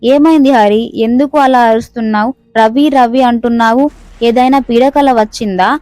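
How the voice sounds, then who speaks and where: A woman's voice: a little high, steady tone, normal speed, a little mellow, no room sound, natural voice. A woman voicing a curious, stubborn young man in a spoken ghost story. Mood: earnest.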